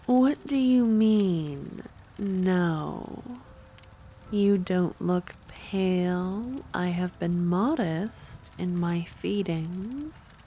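Ancient, seductive vampire woman, very slow ASMR role-play, acted by a woman. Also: lowish voice, warm tone, a little hiss or hum. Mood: suspicious. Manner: slow, intimate, teasing, drawn-out delivery. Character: ancient seductive possessive female vampire, sly and menacing.

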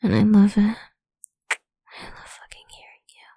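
A young woman whispering softly and teasingly in an intimate audio roleplay, humming between lines, close to the mic. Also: medium pitch, lively intonation, takes it slowly, breathy edge, dry recording. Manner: soft teasing whisper, murmured hums.

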